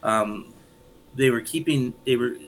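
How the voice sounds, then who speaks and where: Man, reflective Bible teacher, mid pitch, faint background hiss. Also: unhurried, low-quality recording. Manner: thoughtful, explanatory, many restarts. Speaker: podcast co-host and Bible teacher. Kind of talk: casual Bible study discussion.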